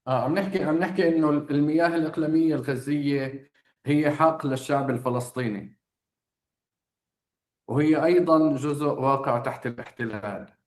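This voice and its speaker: A man's voice: a little high, a little fast. A man with a Levantine Arabic accent in earnest conversation, repeating phrases for emphasis. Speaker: activist leading the conversation. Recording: roomy, echoing sound.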